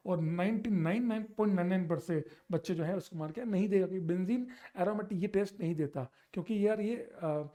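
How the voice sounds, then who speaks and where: A young man teaching chemistry in an online exam-prep lecture, lively and teasing, mixing in English terms. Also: sits high, brisk, hardly any pauses.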